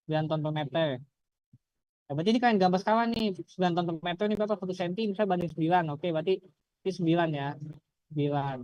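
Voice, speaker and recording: A man's voice: high-pitched, fast, darkish tone, dry recording, low-quality recording. A young adult man with an Indonesian accent explains things like an informal student tutor. He cannot roll his R cleanly, so it comes out slurred. He repeats himself and keeps asking short rhetorical questions, in a dry-sounding recording with little room sound. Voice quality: slurred R, a speech impediment on the R sound. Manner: repetitive, checking with rhetorical questions.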